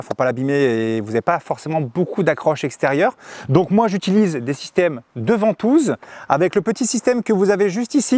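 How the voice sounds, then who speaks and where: A man's voice: fairly high pitch, no echo. A man giving a casual, chatty camera demo straight to his viewers, full of slang. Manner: lively, chatty, addresses viewers directly with slang. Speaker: motorcycle vlogger reviewing a camera. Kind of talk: casual product demo vlog.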